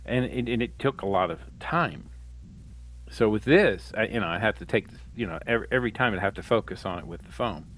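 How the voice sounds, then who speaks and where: A fairly low-pitched man with lively intonation and a fairly bright tone talks briskly into a headset. He co-hosts a casual reselling podcast, rambling, cursing freely, and restarting sentences a lot.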